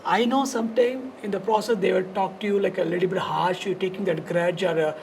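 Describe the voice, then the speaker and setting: A man with a South Indian accent and a gravelly, creaky voice, telling his story conversationally in loose, fragmented, repetitive phrases. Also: high voice, fairly even intonation, a little fast, a little mellow, a little hiss or hum, low-quality recording. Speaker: dance studio founder and teacher, podcast guest.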